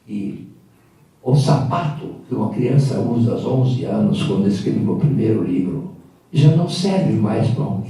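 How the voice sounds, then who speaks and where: An older Hungarian man, a native Hungarian speaker, tells a personal story as a guest speaker in an event hall. His voice sits on the low side and sounds mellow, and his manner is reflective, halting with fillers. The distant mic picks him up in an echoey room.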